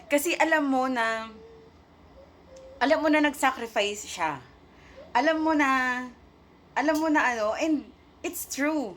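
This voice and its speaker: A woman giving an emotional faith testimony to her viewers, halting and searching for words as she talks, shaky and near tears at times. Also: high-pitched, a bit bright, a little hiss or hum. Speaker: vlogger sharing a faith testimony.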